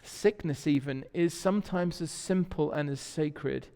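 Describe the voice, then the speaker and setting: Preaching in a church sanctuary, a man with a clean-toned voice on the high side speaks at a moderate pace, the church hall reverb audible around him. He tells warm stories in a conversational sermon, repeating words whenever he searches for the next one.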